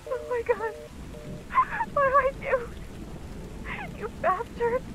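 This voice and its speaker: A woman's voice: very high voice, takes it slowly, music in the background, rough recording. An actress playing a frightened young woman who pleads with her brother to come home, in a video game. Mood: pleading. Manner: pleading, desperate, turns bitter.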